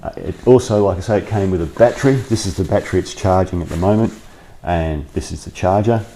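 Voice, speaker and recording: A man with a low, mellow voice talks fairly quickly, with a little hiss or hum in the audio. He's a workshop vlogger giving a casual, chatty product review in his cold workshop, thinking aloud as he goes and wearing a clip-on lapel mic.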